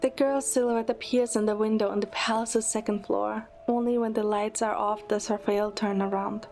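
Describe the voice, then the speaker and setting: This is the narrator and lead of a fan audio drama, a woman reading scripted dramatic narration in the first person. Her medium-pitched voice stays steady and moves at normal speed, with loud music playing beneath it.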